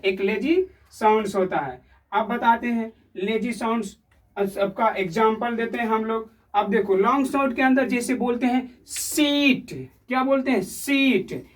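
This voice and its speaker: A man teaching English sounds to a class, repeating words and asking the pupils questions again and again. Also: very high voice. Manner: repetitive, quizzing the class with questions. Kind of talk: classroom lesson. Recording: voice heard from a distance.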